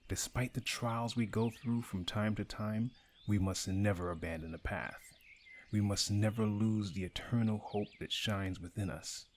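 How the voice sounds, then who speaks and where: A man speaks in a deep, slow and deliberate voice, reading a scripted morning devotional with steady earnestness. Soft bird sounds and outdoor ambience sit faintly behind him. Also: slight background noise.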